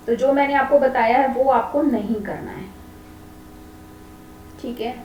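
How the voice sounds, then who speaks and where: A woman teacher with a fairly high voice explains a lesson step by step, mixing in English phrases and checking often that her students follow. Her voice comes from a distance in an echoey room, with a faint hum behind it. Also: measured pace, dull audio. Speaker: computer teacher. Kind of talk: classroom lesson explaining CSS.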